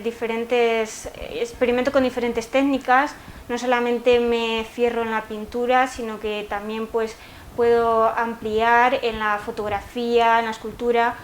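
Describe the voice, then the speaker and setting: Hesitant young woman artist, slightly high. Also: a little hiss or hum. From Spain. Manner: hesitant, with many fillers. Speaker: artist guest. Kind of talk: interview answers.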